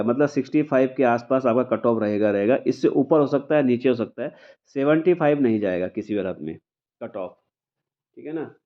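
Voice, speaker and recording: Casting: male coaching teacher, casual exam review, muffled sound. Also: medium pitch. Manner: conversational, repeats "ठीक है ना" as a filler. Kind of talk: informal exam paper review. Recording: dull lo-fi recording.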